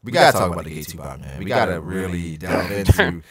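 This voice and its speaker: A man's voice: deep voice, animated, quick pace, over a noisy crowd. A man hosting a casual podcast chat from a small home room, talking animatedly and jumping up when he makes a point. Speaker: podcast host.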